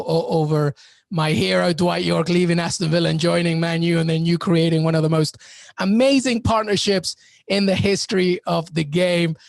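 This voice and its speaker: A man hosting an interview podcast, talking conversationally and effusively, with halting, repeated starts. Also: a little high, vocal fry, no room sound. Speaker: podcast host.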